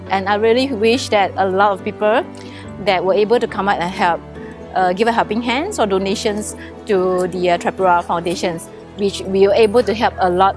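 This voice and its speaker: Earnest woman from Singapore, faint music. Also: mid-range voice. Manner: earnest, hesitant with fillers. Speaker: volunteer giving a testimonial.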